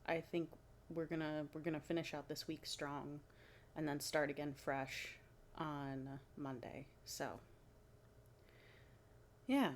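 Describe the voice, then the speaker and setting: Young woman with a low voice, slow and rambly, lots of likes and ums, casual vlog chat. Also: level tone, a little hiss or hum. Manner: rambling, many fillers and restarts; hiccuping and clearing her throat. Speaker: vlogger. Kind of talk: casual fitness vlog update.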